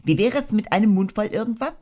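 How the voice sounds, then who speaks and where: A fussy, prim storybook rabbit with a very high, thin voice that swoops up and down, as a man puts him on. He talks clipped and curt, ever cautious, brisker than the narration around him. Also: lively intonation, a little mellow. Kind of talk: audiobook character voice.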